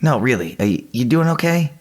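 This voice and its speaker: A man's voice: mid-range voice, big pitch swings, fairly quick, a little mellow. Man playing earnest, hesitant young Peter Parker. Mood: affectionate, rushed. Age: young adult. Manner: hesitant, stammering, self-effacing. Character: earnest, awkward young male college student hero. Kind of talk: audio drama acting.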